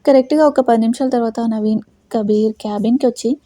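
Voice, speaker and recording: Husky-voiced woman narrating a story. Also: on the high side, fast talker, warm tone, dry recording. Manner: dramatic storytelling. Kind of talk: scripted audio story narration.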